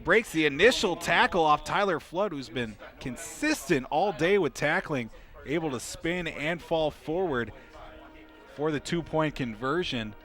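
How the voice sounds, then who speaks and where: A man's voice: a little high, expressive, a little slow, a bit bright. A man working as a color commentator, analyzing football plays and replays. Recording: crowd noise at outdoor stadium.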